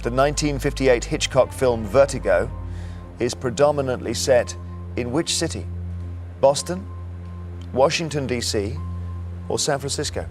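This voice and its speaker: A man's voice: medium pitch, darkish tone, soft background music. Man hosting a quiz show. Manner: measured, emphatic quiz-master delivery. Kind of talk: scripted game show presenting.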